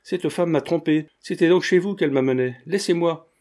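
A woman's voice: low voice, moderate pace, mellow, voice pushed up, close to an everyday voice. A man reading the part of a frightened young woman in a novel, pleading and fearful. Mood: alarmed.

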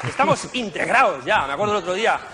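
A man's voice: high voice, sing-song, fast, a loud crowd. A man from Barcelona doing a stand-up routine on a radio show, telling his story with lots of animation. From Barcelona, Spain. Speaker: comedian. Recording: live audience and background noise.

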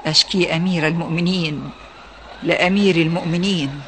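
A woman's voice: lowish voice, fairly even intonation, fairly quick, close to an everyday voice. An actress playing a poor mother of hungry children who speaks plaintively in a radio drama. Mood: reproachful. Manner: plaintive, reproachful. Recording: noisy old radio recording.

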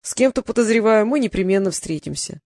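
A woman's voice: medium pitch, lively intonation, quick pace, a little mellow, dry recording. A grim knight-mage from a fantasy storybook, voiced by a woman. He speaks formally and ominously, a toast that sounds like a warning. Dry and close.

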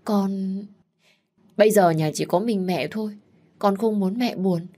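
A woman's voice: moderate pace, darkish tone, lightly acted. A woman voicing an earnest young student sister who pleads with her mother. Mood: pleading. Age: young adult. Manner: pleading, childlike, raised pitch.

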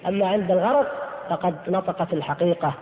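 High-voiced man teaching in echoey hall. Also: fast talker, crowd noise. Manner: explains step by step, repeating key phrases; addresses listeners as brothers. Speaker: religious teacher. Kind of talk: audio lecture on creed. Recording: tinny, echoey hall recording with faint hiss.

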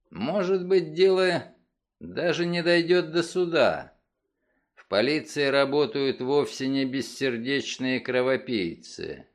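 A man reading an audiobook, voicing a calm, cunning detective who speaks in a measured, persuasive way. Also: on the high side, full character voice. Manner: measured, unhurried, coolly persuasive.

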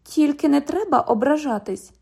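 A woman's voice: sits high, expressive, moderate pace, vocal fry, mellow. A woman reading an audiobook, voicing a sarcastic, mocking twenty-year-old woman who works as a bank cashier. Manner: mocking, cheeky, parrots the other speaker.

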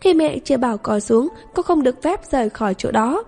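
A stern, strict mother read by a woman in an audiobook. Her voice is gravelly and husky. Long reverb and faint music sit beneath it. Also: sits high, expressive, brisk, a little mellow. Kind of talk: audiobook character reading.

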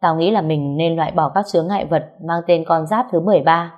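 A woman's voice: sits low, quick pace, dull audio. A woman voicing a brash, bossy young woman friend who scolds bluntly.

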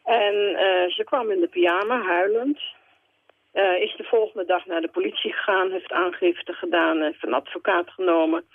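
An older woman calls in to a radio show, and her voice comes through a thin, phone-like line. Her voice is gravelly and dry. She talks hesitantly, with many pauses and fillers. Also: lowish voice, steady tone, no room sound. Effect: radio show caller on a phone line. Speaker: caller. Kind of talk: call-in radio question.

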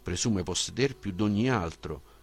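A man's voice: sits low, lively intonation, unhurried, breathy edge, exaggerated voice. A man voicing a brash, defiant ancient Greek sophist in an audiobook reading, answering bluntly and dismissively.

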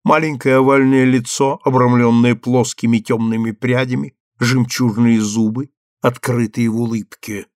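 A man's voice: mid-range voice, fairly even intonation, normal speed, a little mellow, no echo, clean studio sound. A man narrating a literary audiobook, livening up the dialogue with character voices. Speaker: audiobook reader.

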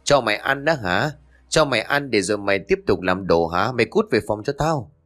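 Man doing a stepmother, cruel, scheming, harsh, scolding, lively pitch, storybook. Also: a little fast.

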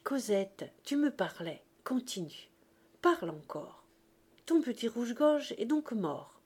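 A woman reading the part of a dying old man, gentle and resigned, speaking softly and slowly. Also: on the high side, very animated, husky, voice pushed up, full character voice. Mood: tender, resigned. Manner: soft, hushed, slow.

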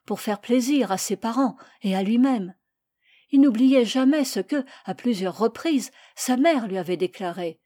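A woman reading a story aloud in a measured, expressive storytelling voice. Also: on the high side. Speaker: narrator.

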